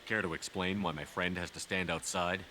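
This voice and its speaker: Deep, bright, brisk game hero, firm and calm. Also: male voice, a little hiss or hum. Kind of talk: video game dialogue.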